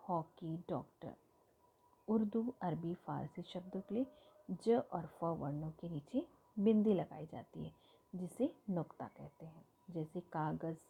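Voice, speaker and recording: A woman teacher explaining grammar to children slowly and clearly. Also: mid-range voice, phone-quality sound. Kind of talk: Hindi grammar lesson for children.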